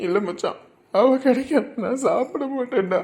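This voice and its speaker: A woman's voice: a little high, moderate pace, gravelly, dark tone. A woman voicing a worn-out young husband who is desperately searching for his missing wife, pleading and tearful. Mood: grieving. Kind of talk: audio drama acting.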